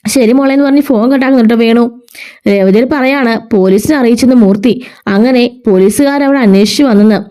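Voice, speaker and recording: A woman retells a family serial in a chatty, casual way and sprinkles tag words through her lines. Her voice sits a little high but sounds mellow and warm. She quotes the characters mostly in her own everyday voice. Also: a little fast. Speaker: storyteller.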